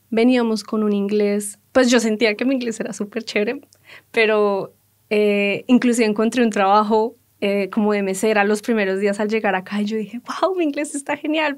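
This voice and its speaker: Colombian woman, 30s, chatty interview guest, animated storyteller. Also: medium pitch. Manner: lively, laughing, acts out quoted dialogue.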